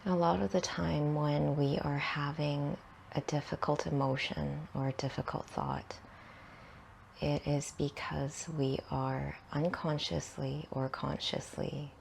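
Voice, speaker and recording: In a low voice with little pitch movement, a woman leads a guided meditation, calm and unhurried. Her short phrases end softly and breathily, separated by long pauses, and there's slight background noise.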